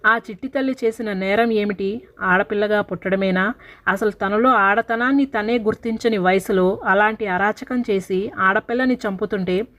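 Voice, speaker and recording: A woman's voice: mid-range voice, normal speed, a bit bright. A woman narrating a story in a dramatic, sorrowful voice.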